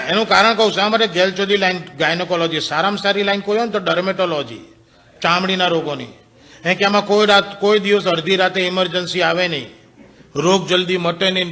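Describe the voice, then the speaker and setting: A man's voice: sits high, sharp tone. A male stand-up comedian telling crude, bawdy jokes. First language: Gujarati.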